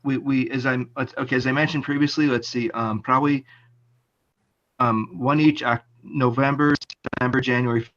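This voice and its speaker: A man's voice: medium pitch, fairly even intonation, fairly bright tone. Guy on a video call, audio breaking up, dull lo-fi sound, keeps stopping and repeating himself. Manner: halting, restarts and repeats words. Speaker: meeting organizer on a video call. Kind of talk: casual meeting talk. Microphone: computer mic on a video call.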